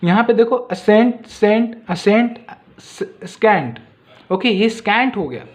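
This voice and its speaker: A man teaching an exam-prep lesson, asking pupils repeated questions and saying words slowly so they can copy the pronunciation. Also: sits high.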